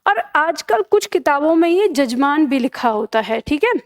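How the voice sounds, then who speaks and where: High-voiced woman teaching Hindi grammar. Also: very animated, moderate pace. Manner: explains patiently, repeating each word pair. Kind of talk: exam-prep grammar lesson.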